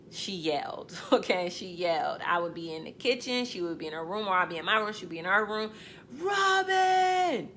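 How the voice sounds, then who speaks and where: A middle-aged woman gives a casual spiritual card reading in a low, bright voice. She talks loudly and rambles, with many fillers and self-corrections. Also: a little hiss or hum. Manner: loud, talks up when excited. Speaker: tarot card reader.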